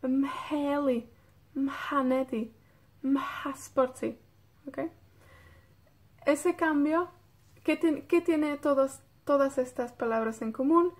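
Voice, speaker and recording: A woman's voice: high-pitched, slow, long pauses. A woman from Wales with a North Welsh accent, teaching a beginner Welsh lesson in Spanish, patiently checking in with her students and drilling words.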